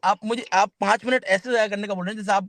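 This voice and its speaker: A man calling into a live-stream debate, defending himself and asking for calm, reading English slowly and haltingly. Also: high-pitched, dry recording.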